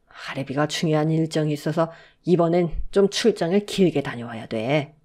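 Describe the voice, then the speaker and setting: A woman's voice: deep voice, normal speed, mellow, pitched below the performer's own voice. A woman doing a doting old grandfather. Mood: fond.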